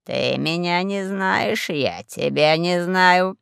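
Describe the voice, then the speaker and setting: A performer voicing a fat, lazy alien overlord who speaks in a slow, low drawl, in an audiobook. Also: vocal fry, a bit bright, clean tone, dry recording, clean studio sound. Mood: lazy menace.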